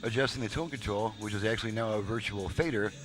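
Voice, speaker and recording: Speaking fast in a fairly low voice, a man demonstrates a product step by step as a radio repair technician. His explanations are casual, folksy and unscripted, with music and radio audio in the background.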